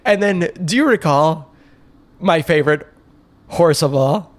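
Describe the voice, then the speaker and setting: A man's voice: on the high side, lively intonation, a little slow. A man co-hosting an improvised comedy podcast, joking and punning in playful banter. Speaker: podcast co-host.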